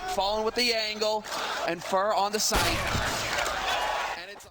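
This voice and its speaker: A man working as an esports caster, calling fast play-by-play with excitable urgency, in the manner of live game commentary. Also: high-pitched, heavy background noise. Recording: loud game gunfire behind voice. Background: gunfire from a video game.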